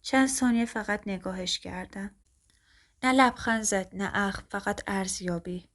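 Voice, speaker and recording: A woman narrating a first-person story aloud in a calm, even, scripted way. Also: medium pitch.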